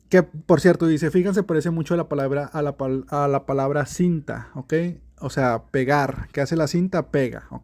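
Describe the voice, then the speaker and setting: A man explaining a language lesson in a casual, chatty way, with many fillers and soft laughs. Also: fairly high pitch. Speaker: English teacher.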